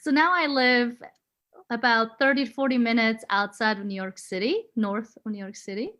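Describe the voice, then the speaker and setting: A Swiss woman in her forties, whose first languages are Swiss German and German, is a guest in a casual interview. Her voice runs on the high side with a fairly bright tone at a moderate pace, and she's friendly, laughs often and searches for words.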